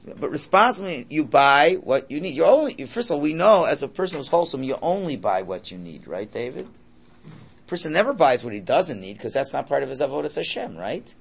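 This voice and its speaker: A man's voice: on the high side, big pitch swings, brisk, creaky, slightly rough. A man giving an informal Torah lesson, repeating his points, posing rhetorical questions and checking in with "right?". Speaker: religious teacher. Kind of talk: informal Torah lesson, translating and explaining a text.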